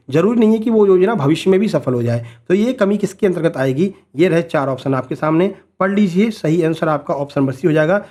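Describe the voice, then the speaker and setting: A man's voice: high voice, darkish tone. A man teaching an exam-prep lesson who explains each multiple-choice answer. He asks rhetorical questions and keeps checking in with "right?". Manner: rhetorical questions, frequent "है ना?" tag; motivational asides to students.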